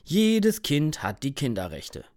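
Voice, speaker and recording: Calm explaining old fella in a kids story, slow and steady, woman reading. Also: low voice, heavily acted. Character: patient older man explaining children's rights.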